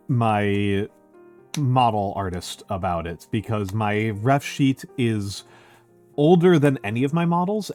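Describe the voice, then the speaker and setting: An older man chats casually as the host of a livestream. His voice sits at an average male pitch, and he tends to repeat his phrases. Music plays clearly behind him. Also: darkish tone. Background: background music.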